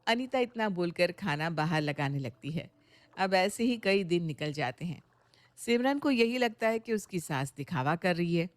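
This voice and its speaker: A woman narrating a moral storybook tale in a calm, even way. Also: on the low side, normal speed, dry recording.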